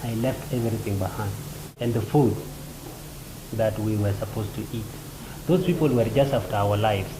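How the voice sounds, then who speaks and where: A man from South Sudan interpreting an interview in the first person, speaking in halting short phrases with many fillers. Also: on the low side. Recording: roomy echo with ambient noise.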